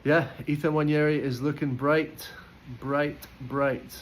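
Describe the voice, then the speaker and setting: A man's voice: on the high side, flat delivery, slow pace, a little hiss or hum, poor audio. A man giving casual, opinionated football player ratings in a chatty way, with frequent fillers and restarts. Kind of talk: casual post-match reaction.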